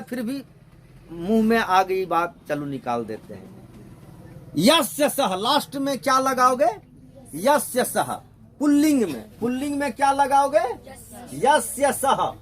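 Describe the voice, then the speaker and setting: A male teacher with a strikingly high voice leads a grammar lesson. He talks at an unhurried pace, asks the class questions and repeats his points to drill them in. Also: a little hiss or hum.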